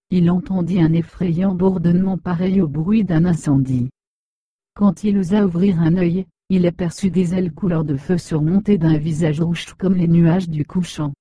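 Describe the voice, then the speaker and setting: A woman narrating a children's storybook in a steady, measured reading. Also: fairly low pitch, dry recording.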